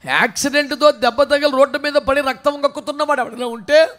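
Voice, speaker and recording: A male pastor preaching a sermon with passion, dropping to a hush and then rising to a shout, with many questions aimed at the congregation. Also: very high-pitched, quick pace. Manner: impassioned preaching, swinging from hushed to shouting.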